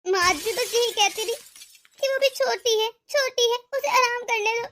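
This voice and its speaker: A woman narrating a cartoon family story in the role of the elder daughter-in-law. She recounts her complaints in a very high, bright, sharp voice. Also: moderate pace.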